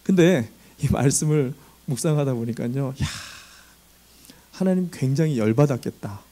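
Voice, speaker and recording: A man's voice: mid-range voice, lively intonation, normal speed, dark tone. A man preaching as senior pastor, emphatic and telling vivid everyday stories. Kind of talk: sermon.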